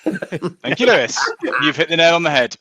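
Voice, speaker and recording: Male guest, deadpan humour, lively intonation, loud crowd noise. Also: on the high side, normal speed. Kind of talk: casual podcast chat.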